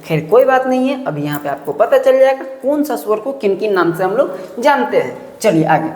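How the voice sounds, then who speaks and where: A woman's voice: mid-range voice, a little mellow. A woman teaching a grammar lesson step by step and quizzing her students with rhetorical questions. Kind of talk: classroom-style online lesson. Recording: echoey room with long reverb.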